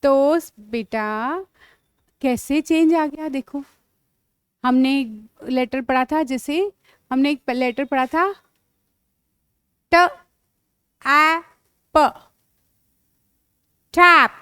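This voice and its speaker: Slow high-voiced Indian woman teaching phonics. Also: sharp tone, dry recording, studio quality. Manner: sounds out words letter by letter, calls listeners "beta". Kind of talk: phonics lesson for young children.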